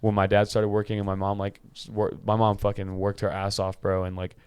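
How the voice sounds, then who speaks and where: A twenty-year-old man from California chats as a podcast guest. His voice sits slightly low and sounds smooth and clear. He rambles loosely, restarting sentences and dropping in filler. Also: monotone, fairly quick, a little mellow. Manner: loose, filler-heavy talk with many restarts and "bro". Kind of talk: casual chat.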